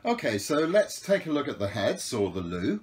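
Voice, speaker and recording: Very animated and breathy, a mid-range male voice at a moderate pace belongs to a fifty-something sailing skipper touring a small yacht. He explains each step practically and warmly, moving from outdoors into the cabin, all filmed on a handheld phone.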